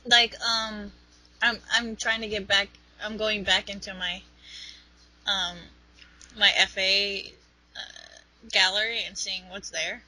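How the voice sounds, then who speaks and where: Young female podcast co-host, unhurried and hesitant, bright voice. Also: medium pitch, level tone, rough recording. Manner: slow, hesitant, soft-spoken. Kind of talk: casual chat.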